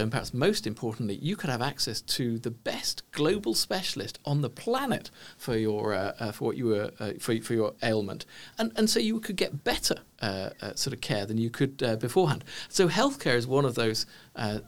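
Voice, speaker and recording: A middle-aged man answering interview questions as a consultant guest, talking in an animated, emphatic way and often restarting his phrases. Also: mid-range voice.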